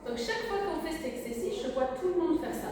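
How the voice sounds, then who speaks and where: A woman leading a pilates class, cueing breath and movement in brisk commands with a teasing edge. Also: high voice, expressive. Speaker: pilates instructor. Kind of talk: live class instruction. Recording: echoey, distant, noisy room.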